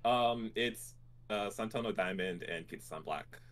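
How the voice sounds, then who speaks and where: Deep-voiced easygoing man chatting. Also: moderate pace, fairly bright tone. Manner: easygoing, rambling with many fillers. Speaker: podcast host. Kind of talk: casual chat.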